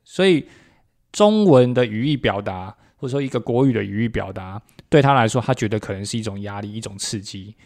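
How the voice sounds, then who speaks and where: Man, lowish pitch, Taiwanese accent, casual podcast chat, bits of Hokkien mixed in. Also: animated, brisk, a little mellow. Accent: Taiwanese Mandarin. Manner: repeats confirmations, switches into Taiwanese Hokkien phrases. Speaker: podcast co-host, parent.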